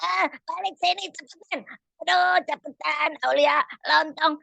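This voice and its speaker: A woman's voice: fairly high pitch, a little slow, bright, forceful tone, no room sound, exaggerated voice. A woman voicing a lazy, teasing boy in a storytelling session for children, cheeky and whiny. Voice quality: gravelly. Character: naughty, lazy boy who teases others.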